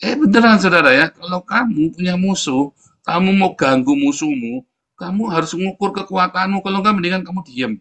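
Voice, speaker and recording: Brief: male preacher-commentator, bright and forceful tone, jeering and combative, keeps addressing the audience as brothers. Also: high-pitched, expressive, brisk, gravelly. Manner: mocking, combative, keeps saying "saudara".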